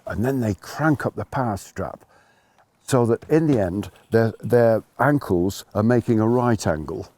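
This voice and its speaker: Low, mellow-voiced male ski instructor. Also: animated, a little slow. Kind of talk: informal spoken explanation to learners.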